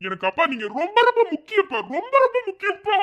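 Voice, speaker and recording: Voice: very high voice, wildly swooping pitch, very fast, fairly bright tone, lo-fi sound, exaggerated voice. A performer voicing a drunk, emotional young man in a cartoon who rambles and repeats himself, with a Madurai Tamil accent. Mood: maudlin. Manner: rambling, repeats himself, tacks "pa" onto lines. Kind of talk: cartoon voice acting.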